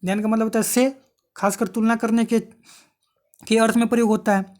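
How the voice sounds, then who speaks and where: A woman's voice: fairly high pitch, little pitch movement, normal speed, darkish tone. Woman teaching grammar. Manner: explains patiently, asks and answers her own questions. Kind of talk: exam-prep grammar lesson.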